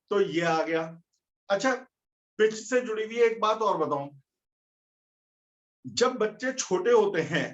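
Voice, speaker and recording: A man with a fairly high voice gives a physics lecture. He explains each point step by step and keeps asking his students questions. The recording sounds dull and lo-fi. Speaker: physics teacher. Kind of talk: classroom lecture.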